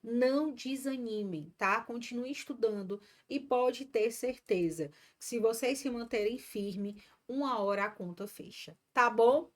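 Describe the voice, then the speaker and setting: A woman from Ceará teaches a live online grammar class in a fairly high voice. She talks chattily and encourages her students between points. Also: a little slow, few pauses. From Ceará, Brazil.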